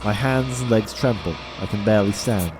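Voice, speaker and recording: With game music in the background, a man streaming a visual novel narrates it live, reading theatrically and adding casual remarks. His voice is on the low side, at a moderate pace.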